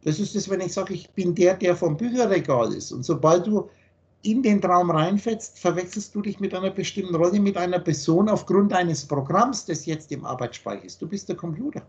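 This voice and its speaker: Over a video call, a German-accented man who teaches spirituality speaks fairly quickly in a high, slightly mellow voice. His lecturing is blunt and pushy, and he drives each point home with ordinary, everyday examples.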